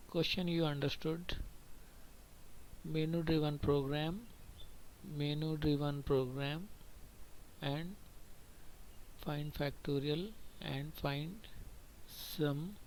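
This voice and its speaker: A man's voice: on the high side, fairly even intonation, very slow, pauses often, slight background noise, poor audio. A male computer teacher walks through a programming lesson, explaining patiently and repeating points, often checking in with "okay.". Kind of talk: screen-recorded programming lesson.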